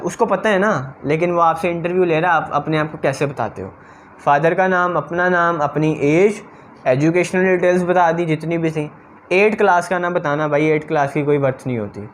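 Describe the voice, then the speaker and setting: A man's voice: fairly high pitch, a little hiss or hum. A man giving direct, practical advice to interview candidates in an instructional talk. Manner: direct, advising, talks straight to viewers. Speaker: interview coach.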